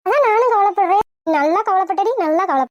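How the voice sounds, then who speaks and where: Woman doing a sassy cartoon auntie, super high voice, mocks everyone. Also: animated, fast, muffled recording, loud music behind the voice. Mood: teasing. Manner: teasing, sarcastic. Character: cheeky comic woman, mocking and loud.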